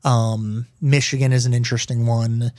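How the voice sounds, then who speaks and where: A man's voice: medium pitch, little pitch movement, normal speed, darkish tone, no room sound, studio quality. A man co-hosting a podcast, chatting casually in a rambling, hesitant way. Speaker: podcast co-host. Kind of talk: casual chat.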